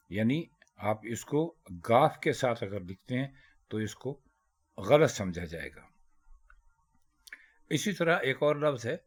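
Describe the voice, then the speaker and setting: A man teaching correct pronunciation, explaining each word carefully and deliberately. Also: fairly low pitch. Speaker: Urdu language teacher. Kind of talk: pronunciation lesson.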